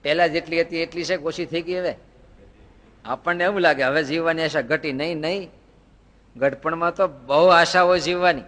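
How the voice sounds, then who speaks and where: A man's voice: fairly high pitch, steady tone, moderate pace, fairly bright tone. A man giving a devotional sermon, asking rhetorical questions and telling folksy anecdotes. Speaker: spiritual teacher. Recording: long reverb in a hall.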